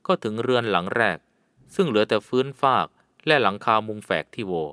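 A man narrating a jungle adventure audiobook in a measured, suspenseful way. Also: lowish voice, expressive, a bit bright, no echo, studio quality.

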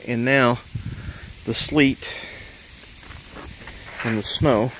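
A man's voice: mid-range voice, steady tone, drawn-out words, fairly bright tone, a little hiss or hum, poor audio. A middle-aged man, chatting casually in a walk-and-talk vlog, plain-spoken and rambling, filmed outdoors and in his truck. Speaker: vlogger. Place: outdoors on a rural property and inside a truck.

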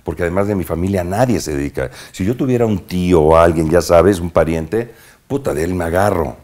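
A man with a Mexican accent, an actor telling animated anecdotes from his youth as a guest in a casual interview, using slang and sound words. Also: low voice, a little fast. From Mexico, Veracruz.

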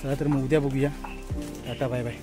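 Malvani-accented man explaining in flat tones. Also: medium pitch, fairly quick, over music. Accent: Malvani Marathi. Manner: plain, explains step by step. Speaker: village vlogger. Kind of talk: casual explaining vlog. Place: rainy forest stream, outdoors. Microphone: phone camera held close.

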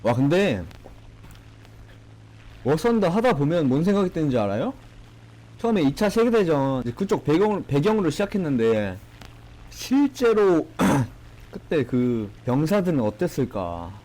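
Excitable swearing man playing a game. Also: a little high, unhurried, long pauses, low-quality recording. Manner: excitable, swearing, shouting at enemies. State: tipsy from drinking. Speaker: gaming streamer. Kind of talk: live gameplay commentary. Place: small room at home.

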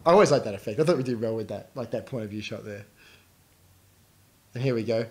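A man's voice: on the low side, fast talker. Chatty man giving commentary. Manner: chatty, laughs often. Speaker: commentary host. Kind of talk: casual audio commentary.

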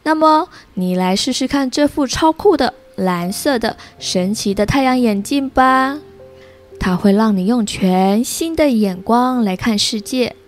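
A woman voicing a caring, helpful cat from a storybook, read slowly to a toddler. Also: a little high, animated, soft background music. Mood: encouraging.

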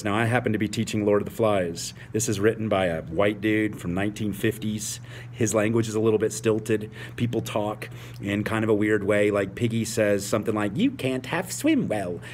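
A man's voice: lowish voice, a little mellow, slight background noise. A man in his forties, an English teacher, speaking passionately and emphatically to fellow teachers, repeating key phrases. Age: 40s.

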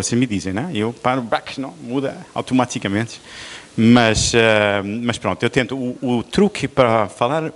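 A man from Portugal with a European Portuguese accent softened toward Brazilian, giving a university lecture with halting restarts and frequent tag questions into a microphone. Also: mid-range voice. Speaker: visiting professor, lecturer.

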